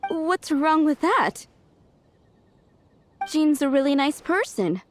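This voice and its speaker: Chatty high-voiced townswoman. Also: sing-song, takes it slowly, full character voice. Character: friendly, chatty, softhearted townswoman. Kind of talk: English anime game dub.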